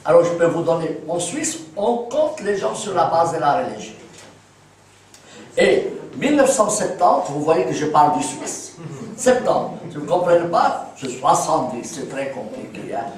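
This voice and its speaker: A Palestinian man in his sixties gives a public lecture with audience questions, explaining through examples and asking listeners whether they agree. His voice is high for a man, very animated, and moderately paced. He's far from the mic in an echoey room.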